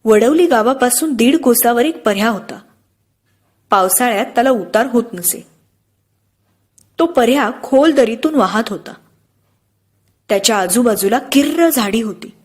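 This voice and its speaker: A woman narrating an audiobook in a steady, expressive storytelling manner. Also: a little high, unhurried, pauses often.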